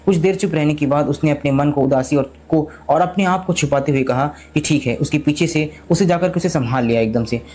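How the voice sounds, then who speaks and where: A man narrating a storybook recap in rapid, continuous storytelling with frequent restarts. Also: fairly high pitch, darkish tone.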